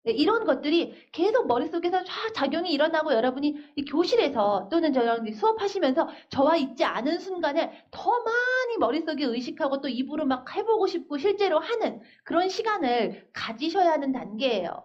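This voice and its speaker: A woman's voice: high-pitched, very animated. A woman teaching a phonics class, spelling words out letter by letter and asking her students questions. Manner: patient, drills words slowly letter by letter; asks the class questions and answers them herself. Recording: dull, lo-fi older recording.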